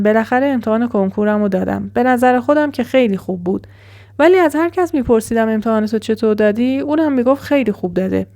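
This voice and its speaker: A woman narrating a first-person horror story in an even, measured way as storyteller. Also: on the high side.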